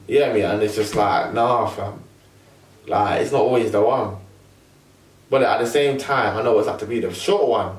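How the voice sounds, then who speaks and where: A young man with a London roadman accent, chatting casually in heavy slang and telling things in an animated way with acted-out asides. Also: lowish voice, normal speed. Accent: London roadman, multicultural London English. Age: young adult. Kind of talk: casual chat. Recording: roomy echo, distant from mic.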